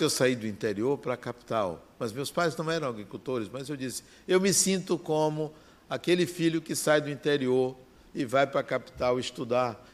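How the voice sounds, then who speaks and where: A man with a Brazilian Portuguese accent tells a story in a reflective talk. His voice sits a little high, and he takes his time. He delivers short, deliberate phrases separated by long pauses. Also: a bit bright. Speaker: speaker giving a reflective talk.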